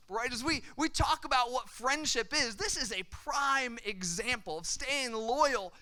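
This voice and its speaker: A high, bright, smooth man's voice telling a story from the pulpit. He leans into the quoted lines, swinging up and down in pitch, and often stumbles over repeated words. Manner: storytelling, acts out quotes with shifting pitch and loudness; frequent restarts and repeated words. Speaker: pastor. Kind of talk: sermon.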